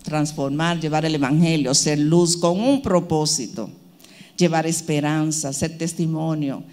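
A woman's voice: deep voice, fairly even intonation, measured pace, a little mellow. Woman preacher, emphatic and repetitive, acts out the voices she quotes. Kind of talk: sermon.

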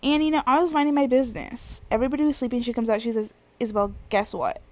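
Slightly high-pitched and steady in tone, a young podcast host talks fast on her solo show despite a mildly stuffy nose. She giggles a lot and tells long, meandering stories in a chatty way.

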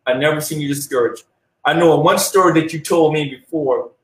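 A man's voice: a little high, fairly bright tone, roomy sound, poor audio. A man in casual conversation with an old friend, teasing him and laughing as he recalls old times. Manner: teasing, laughs while telling, drawn-out delivery. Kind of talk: casual chat.

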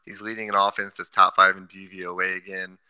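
A man's voice: deep voice, level tone, fast talker, sharp tone, smooth, no echo, rough recording. A man co-hosting a casual sports podcast, laying out his picks with stats and reasons. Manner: analytical, cites stats. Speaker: podcast co-host.

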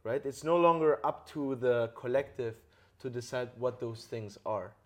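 In a podcast interview, the host speaks in a mid-range voice at a moderate pace. He explains ideas earnestly, often checking in with tag questions.

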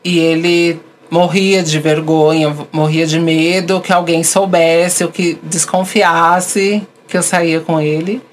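A woman's voice: lowish voice, takes it slowly, hardly any pauses, a little hiss or hum. A woman, a podcast host now interviewed, telling candid personal stories and acting out the people she quotes. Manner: animated, acts out the voices of people she quotes.

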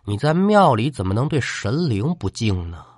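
A man's voice: medium pitch, very animated, moderate pace, dry recording, studio quality. A man voicing a pious older brother who earnestly scolds his younger sibling in a storytelling. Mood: reproving.

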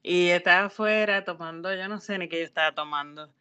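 A woman's voice: lowish voice, fairly quick, clean tone, dull audio. A woman, co-hosting a casual podcast chat and acting out her family's lines as she tells stories. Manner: animated storyteller, acts out family members' voices. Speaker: podcast co-host.

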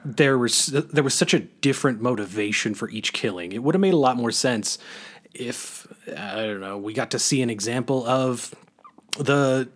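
A man's voice: medium pitch, moderate pace. A man co-hosting a podcast, chatting casually about a film, rambling with many fillers and restarts. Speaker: podcast co-host.

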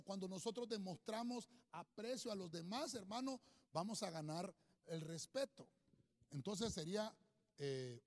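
A man preaching a Bible lesson, constantly calling listeners brother, with jokey asides and repeated words as he thinks. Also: high-pitched. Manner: calls listeners "brother" nearly every sentence. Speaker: preacher teaching a Bible study. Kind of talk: sermon-style Bible teaching at a whiteboard. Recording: long hall reverb.

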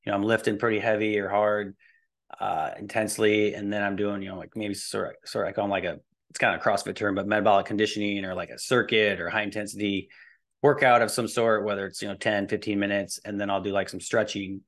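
Fast and flat, a man in his early forties talks in a fairly low voice with a fairly bright tone. He's a fitness and nutrition coach and podcast guest, explaining things informally and in a roundabout, rambling way.

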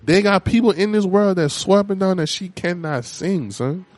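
A man's voice: sits high, normal speed. An American man debating music casually, speaking emphatically with slangy, profane talk and repeating himself for emphasis.

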